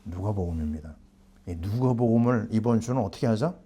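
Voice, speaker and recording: A man's voice: lowish voice, animated, a little fast, mellow, slight background noise. A middle-aged man preaching a sermon as pastor, asking the congregation questions and answering them himself.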